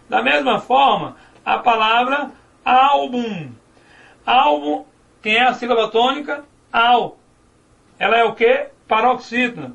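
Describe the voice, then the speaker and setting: A man teaches grammar in a high, bright voice. He explains step by step and poses questions that he then answers himself. The microphone sits some way off, so he sounds distant in the room. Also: creaky. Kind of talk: classroom grammar lesson.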